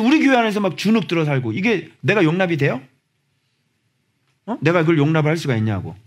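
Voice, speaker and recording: Animated husky-voiced preaching man. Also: sits high. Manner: animated, shouting exhortations at the congregation; acts out little dialogues in different voices. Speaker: pastor. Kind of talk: sermon. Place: church sanctuary.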